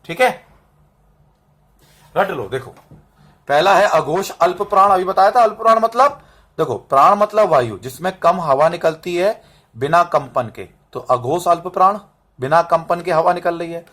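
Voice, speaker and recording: Guy teaching a lesson, kinda high voice, drills syllables over and over, keeps asking if you got it, recorded on his own camera. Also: lively intonation, a bit bright. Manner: drills terms and asks "समझ में आ रहा है?" to check understanding; calls students बेटा and repeats syllables slowly. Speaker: Hindi teacher. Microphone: camera mic, set up and adjusted by himself.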